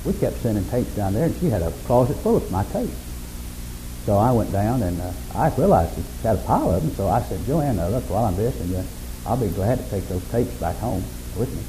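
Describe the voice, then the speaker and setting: A pastor delivers a sermon in an easygoing, folksy manner, poking fun at himself along the way. His voice is mellow, monotonous and fairly low, set against a noisy background.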